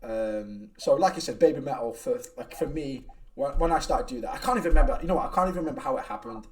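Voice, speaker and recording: A man hosting a casual podcast, talking in an animated way, swearing and laughing often. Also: medium pitch, fast, distant mic. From United Kingdom. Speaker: podcast host and reaction channel creator. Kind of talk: casual chat.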